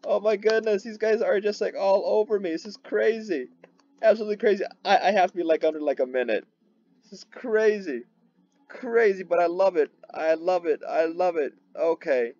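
Excitable man narrating his gameplay. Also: high-pitched, moderate pace, no echo, muffled recording. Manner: eager, repeats words when thrilled. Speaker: gaming channel host. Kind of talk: excited game commentary.

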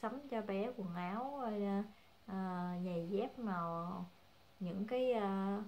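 A woman's voice: medium pitch, slow pace, a little mellow. Hesitant young mother. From Vietnam. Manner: hesitant, many fillers, calls viewers family. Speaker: vlogger, mother. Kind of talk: casual chat to viewers.

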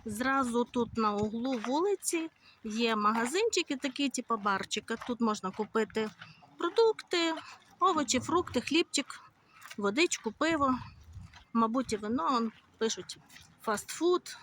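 A woman's voice: a little high, lively intonation, measured pace, a bit bright, slight background noise. Chatty woman on a walking tour vlog. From Ukraine. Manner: chatty, conversational, with fillers. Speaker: vlogger. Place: outdoors on resort streets.

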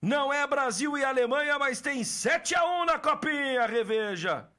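Brazilian male play-by-play caller, very high bright voice, explosive goal commentary with drawn-out shouts. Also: animated.

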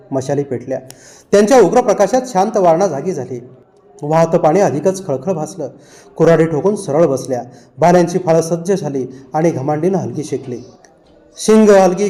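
A man reading a novel aloud as an audiobook narrator, with steady, dramatic storytelling. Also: on the high side.

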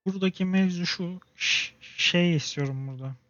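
A young man with a slightly high voice mutters and rants through his gameplay and keeps getting exasperated at it. The sound is dry and close, with a dull, muffled top end. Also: moderate pace, fairly bright tone, no room sound. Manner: exasperated, talks to himself and the game with slangy outbursts. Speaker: gaming channel host. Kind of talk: casual gameplay commentary.

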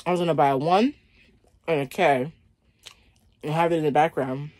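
In a low, slightly mellow voice at a moderate pace, a woman in her thirties talks casually to her viewers. It's a mukbang filmed in a small indoor bedroom, so she chews and eats between words, and "like" is a frequent filler.

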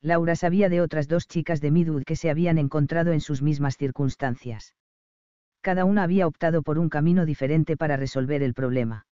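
Smooth, dry-voiced male audiobook narrator. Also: a little high, no room sound, lo-fi sound. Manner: even, measured reading of novel dialogue.

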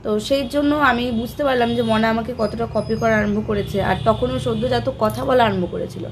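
A woman's voice: a little high, fairly even intonation, brisk, a little hiss or hum. A young woman from Bengal vlogging in a casual, rambling way with many fillers and restarts. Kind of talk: casual chat to camera.

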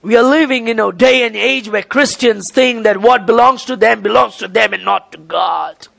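A man preaching an impassioned sermon, often shouting. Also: high-pitched, moderate pace, vocal fry.

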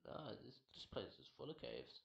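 A man casually chatting while playing a game with a friend, mostly flat and dry with sudden startled yelps. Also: lowish voice, moderate pace, creaky, dull audio. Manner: dry, self-described monotone, with sudden yelps. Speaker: gamer. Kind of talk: casual gameplay chat. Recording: roomy home recording, faint hiss.

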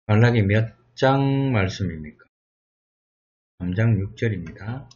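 Male tutor, deliberate unhurried delivery with an animated pitch, Bible exam review, dull lo-fi recording. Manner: reads verses aloud, then sounds out English words slowly.

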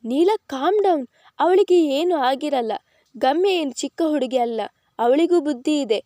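A calm reassuring father, as a woman reads him. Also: high-pitched, a little slow, dry recording, studio quality. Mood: soothing.

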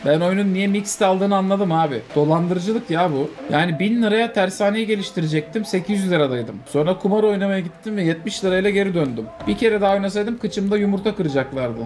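A man giving casual, joking commentary while playing a game, quick to exclaim and swear. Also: high voice, a little mellow. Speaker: streamer.

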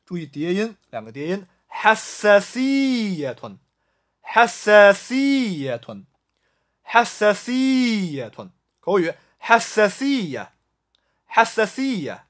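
A man teaching a vocabulary lesson, drilling each word slowly and repeating it several times, with frequent drawn-out "ah" fillers. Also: a little high, fairly bright tone. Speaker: Arabic language teacher.

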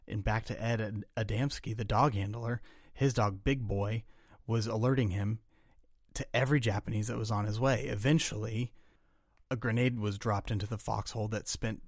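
A man's voice: fairly low pitch, fairly even intonation, normal speed, no room sound, clean studio sound. A man hosting a history podcast, telling war accounts earnestly, tripping now and then over names and restarting phrases.

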